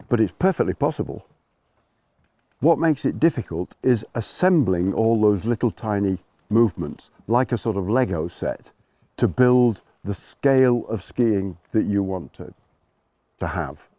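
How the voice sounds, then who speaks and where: A man's voice: lowish voice, warm tone, no room sound. A man working as a ski instructor, explaining things informally to learners in an emphatic way, rephrasing and repeating his points.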